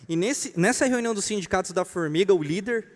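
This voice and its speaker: A Brazilian man teaches a church class in a fairly high voice, mixing doctrine with joking stories and calling the room his brothers. His voice rings with the long reverb of a church hall. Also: quick pace. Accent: Brazilian Portuguese.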